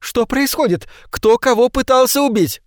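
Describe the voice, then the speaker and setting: A man's voice: very high-pitched, normal speed, no room sound, studio quality, voice pushed up. A man reading an audiobook, voicing a polite housemaid who speaks soothingly. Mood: alarmed. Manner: polite, reassuring. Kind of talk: audiobook character voice.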